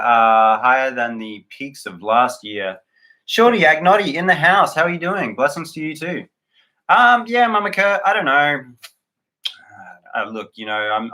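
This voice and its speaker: Bright-voiced Australian man hosting a livestream. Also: medium pitch, animated, measured pace. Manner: loose and rambling, with many fillers and restarts. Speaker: livestream host. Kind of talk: live-stream chat reading viewer comments.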